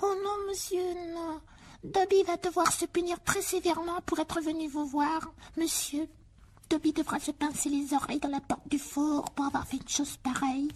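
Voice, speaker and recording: A woman voicing a tiny, servile male house-elf with a small shrill voice, pleading and overly deferential. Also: level tone, moderate pace, lightly acted. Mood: anxious. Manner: pleading, overly deferential, speaks of himself in third person. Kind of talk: audiobook dramatization.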